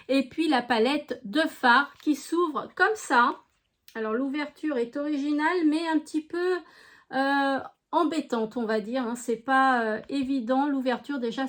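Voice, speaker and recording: French lady with a regional accent, high voice, talks slow and chatty showing off her makeup. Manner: unhurried, chatty, lots of fillers and voilà. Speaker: beauty vlogger. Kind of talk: casual product review.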